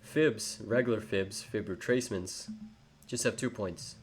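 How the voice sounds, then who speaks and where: Faint background noise sits behind a young English-accented man whose fairly low voice moves at a measured pace. He's a trading educator rambling through a live lesson, heavy on fillers and self-corrections.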